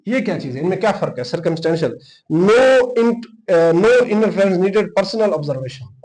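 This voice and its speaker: This law exam-prep instructor has a high, animated, darkish voice and takes his time as he explains and dictates notes informally. Speaking Urdu with a Pakistani accent, he mixes in English legal and technical terms and repeats the key ones. The audio is poor.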